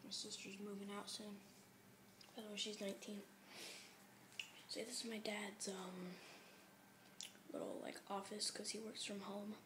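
A woman's voice: mid-range voice, a little slow, long pauses, noisy background. A teenage girl whispering as she gives a late-night tour of her house, rambling with lots of fillers. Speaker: vlogger giving a home tour. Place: house at night, family asleep.

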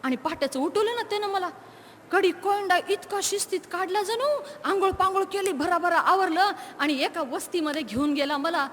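A woman's voice: extremely high pitch, moderate pace, fairly bright tone, long reverb tail, a little hiss or hum. A woman storyteller performing a dramatic story on stage, switching between narration and acted dialogue. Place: stage at a literary conference hall.

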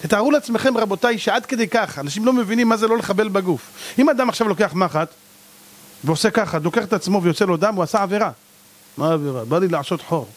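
High-voiced rabbi firing rhetorical questions. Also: male voice. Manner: animated, hammering rhetorical questions; blunt, scolding and mocking. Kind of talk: sermon to a live audience.

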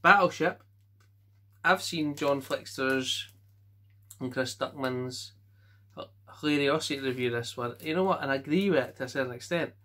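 A Scottish man casually going through his film collection at home, giving offhand quick verdicts and chuckling to himself. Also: medium pitch, sharp tone. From Scotland. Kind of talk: casual chat.

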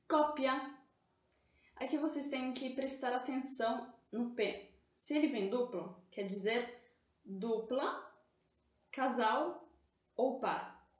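Slow, clear-spoken woman teaching Italian. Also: on the high side, echoey room. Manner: explanatory, slow, checks in with "tá?". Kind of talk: language lesson.

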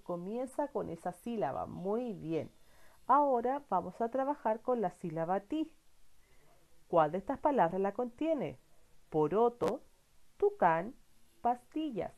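Woman teacher, slow and patient with a lively, sing-song voice for a children's reading lesson. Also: fairly high pitch. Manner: slow, patient, encouraging, asks and answers her own questions.

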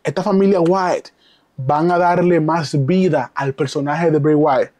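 A man streaming live from home, commenting excitedly and reading out chat messages, slipping English exclamations into his talk. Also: a little high, unhurried. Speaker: live streamer reacting to wrestling. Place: home, downstairs at night.

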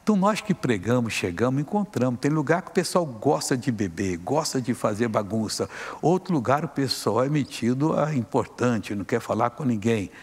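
A man's voice: mid-range voice, expressive, moderate pace, breathy edge, big-room sound. A man with a Brazilian Portuguese accent preaching a sermon, telling stories and acting out dialogue.

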